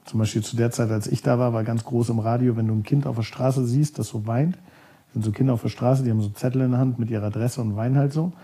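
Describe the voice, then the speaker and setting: A man's voice: medium pitch, steady tone, quick pace, mellow, breathy edge. A man from Germany, a podcast guest, telling stories casually and rambling, often searching for words with many fillers. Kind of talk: casual storytelling.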